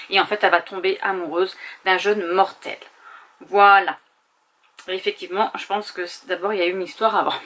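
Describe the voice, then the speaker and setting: A woman's voice: mid-range voice, fairly bright tone. A woman vlogger chatting casually at home, thinking aloud with small hesitations as she goes. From France. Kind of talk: casual chat.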